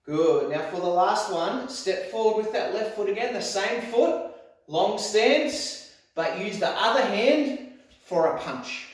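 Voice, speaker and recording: A male karate instructor teaching step by step, calling out sharp, clipped martial arts commands. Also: sits high, expressive, takes it slowly. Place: echoey indoor room, voice some distance from the mic. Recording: very echoey hall, distant mic.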